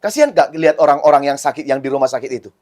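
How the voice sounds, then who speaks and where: A man's voice: medium pitch, lively intonation, very fast, darkish tone. A man preaching a Sunday school sermon to children, retelling a story with repeated phrases and asking the children questions. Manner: asks children rhetorical questions.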